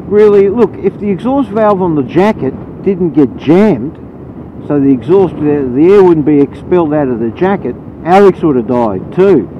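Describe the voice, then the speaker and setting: An Australian man giving a casual, rambling, blunt running commentary, his voice muffled inside a helmet as he rides a motorcycle. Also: on the high side. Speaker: motorcycle vlogger. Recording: muffled narrow-band helmet audio, loud road noise. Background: loud engine, wind and road noise.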